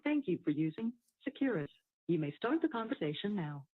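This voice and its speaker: A woman's voice: mid-range voice, very animated, fairly quick, a little hiss or hum. A woman's recorded operator voice reading formal prompts, heard over a jail payphone call. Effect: heard over a jail payphone line. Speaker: automated jail phone operator. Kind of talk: recorded phone system announcement. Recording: tinny distant phone line.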